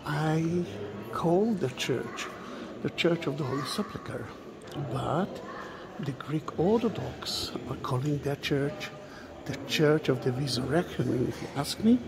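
A middle-aged man giving an unhurried walking tour of a large stone church, musing aloud and often dropping to a hushed whisper. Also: fairly high pitch, animated, noisy background. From Israel. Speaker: tour guide. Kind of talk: walking video tour narration.

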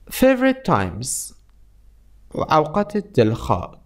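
Gravelly-voiced man teaching English slowly. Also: on the high side, mellow. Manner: explains in Persian, reads English text very slowly. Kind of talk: language lesson.

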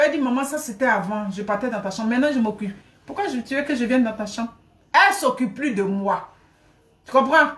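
A middle-aged woman chatting live to her viewers from a room at home, animated, often laughing, thanking people by name. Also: a little high. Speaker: livestreamer. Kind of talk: casual live stream chat. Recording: echoey room.

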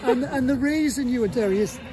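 A middle-aged man, a horse trainer, calmly explaining what he is doing as he works with a young horse. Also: extremely high pitch, a little fast, over a noisy crowd, poor audio. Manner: calm, steady running commentary. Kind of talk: explaining while working. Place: outdoors at a farm and in a wooden stable.

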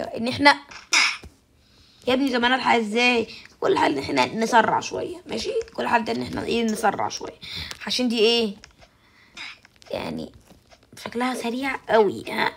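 A woman with an Egyptian Arabic accent hosts a let's-play, talking back to the game in a chatty, excitable way. Her voice sits a little high and has a gravelly edge, and she speaks very fast. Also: slight background noise. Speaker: gaming channel host. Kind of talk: let's-play gaming commentary.

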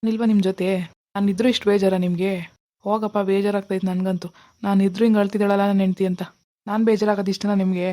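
Brief: a woman as a patient village husband, quick, warm tone. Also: medium pitch, flat delivery, lightly acted. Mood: coaxing. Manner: coaxing, reassuring. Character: gentle young husband, soothing and patient.

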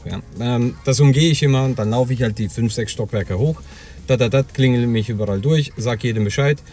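In a casual vlog, a heating installer with a medium-pitched, dark voice chats about how he handles a job. His storytelling is loose and chatty, peppered with filler words like "ja?" and "ähm".

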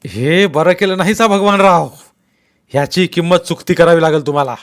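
A man playing a furious, shouting village headman. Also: fairly high pitch, moderate pace, pitched above the performer's own voice, lightly acted. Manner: shouting, threatening.

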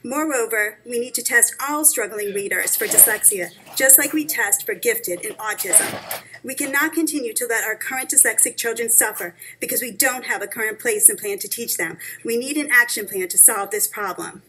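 A woman's voice: a little high, moderate pace, bright, forceful tone, slight background noise, poor audio. A woman in her thirties, a parent reading a prepared statement at a school board meeting with earnest urgency into a table microphone. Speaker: parent speaking at public comment.

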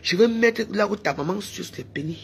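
In a noisy setting, a woman with a mid-range, creaky voice and lively intonation speaks briskly in a heated rant to her camera. This social media personality shouts taunts and insults, repeating her jabs again and again.

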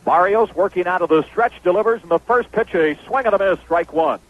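Calling a baseball game the way 1970s radio did, an American play-by-play man speaks a little fast in a high-pitched voice. It comes through as a dull, noisy old AM broadcast.

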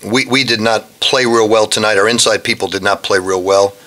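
A man's voice: fairly low pitch, steady tone, a little fast, a bit bright. A man in his sixties, a head basketball coach answering reporters frankly at a post-game press conference, speaking into a desk microphone and often restarting his sentences. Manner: blunt, frank, with frequent restarts. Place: press room in front of a backdrop.

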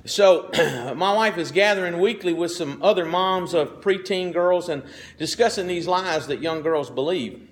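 A middle-aged man preaching a sermon in a folksy, conversational way, with many asides and frequent throat-clearing. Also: high-pitched, measured pace. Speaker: pastor.

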